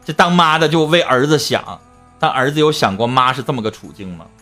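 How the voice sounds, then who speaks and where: A man hosts an advice talk show. His tone is bright and forceful, with a medium pitch, and he argues emphatically through rhetorical questions. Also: lively intonation, a little fast, faint music behind. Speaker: radio advice show host.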